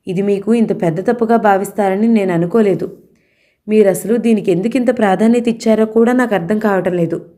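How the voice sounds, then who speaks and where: Young man, read by a woman, defensive, firm, mellow, audio novel. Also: high-pitched, brisk, lightly acted.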